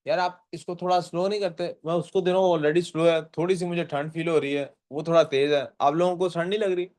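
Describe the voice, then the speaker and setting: A man leads a physics lesson in a classroom, and his voice sits a little high for a man. He reads each question slowly in English, then explains it in Urdu. He keeps checking in with his students, asking them for the answers. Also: steady tone, a little mellow. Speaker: physics teacher. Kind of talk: classroom lecture.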